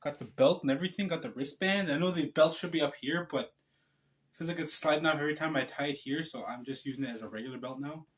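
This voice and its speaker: Speaking quickly in a fairly bright, higher-pitched voice, this man hosts an online video where he chats informally and reads from a storybook. His read-aloud is casual and slightly stumbling, like vlog talk.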